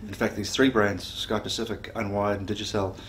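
A man's voice: on the low side, flat delivery, fairly quick, fairly bright tone, a little hiss or hum. A man in his forties giving interview answers as a company chief executive. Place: office, indoors.

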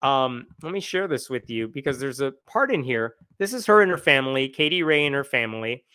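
A man in his forties hosting a casual commentary livestream from a small room, animated and sarcastic, gesturing as he talks. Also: medium pitch, brisk, clear, resonant tone, no echo. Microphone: wired earbuds with dangling mic and desk mic.

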